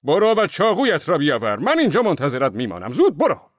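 A man voicing a huge, hot-tempered male villager who shouts threats and hisses with rage in an audiobook. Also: on the high side, sing-song, no echo, studio quality, voice pushed up. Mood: raging. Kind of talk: audiobook character voice.

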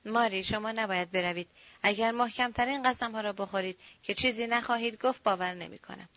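A woman's voice: mid-range voice, no room sound, dull audio, lightly acted. A woman reading the part of an anxious middle-aged husband who speaks earnestly and cautiously. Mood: firm.

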